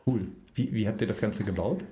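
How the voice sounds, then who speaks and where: A woman's voice: a bass voice, a little fast, warm tone. A woman hosting a casual interview, giving short upbeat replies and summing up her guest's points.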